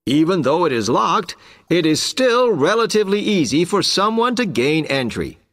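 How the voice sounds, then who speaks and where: A man's voice: fairly high pitch, very animated, moderate pace, fairly bright tone. A man playing a polite, informative home-security salesman giving a scripted presentation. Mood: polite, persuasive. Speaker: alarm salesman.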